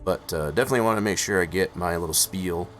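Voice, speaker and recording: Male streamer, deep voice, hoarse, rambling filler-heavy chat, soft music underneath. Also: fast talker. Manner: rambling, full of "uh" and "I guess, as far as" fillers. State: hoarse, losing his voice. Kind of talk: casual live-stream chat. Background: faint music playing in the background.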